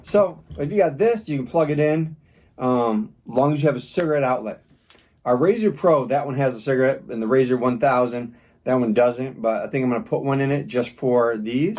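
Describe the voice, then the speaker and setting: A man's voice: mid-range voice, dark tone. A man giving a casual, unscripted product review in a plain-spoken, rambling, informal way. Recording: clear background noise with clicks.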